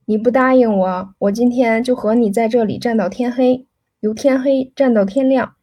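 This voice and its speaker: A woman's voice: fairly high pitch, normal speed, dark tone. A woman voicing an insistent young rich man who keeps pressing a girl for an answer, pleading and pushy.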